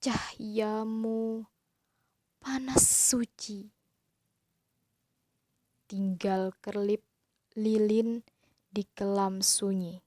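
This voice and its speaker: A woman teacher reciting a poem dramatically for her pupils, drawn out, with hushed whispered lines. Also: medium pitch, steady tone, very slow, pauses often, no room sound. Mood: solemn.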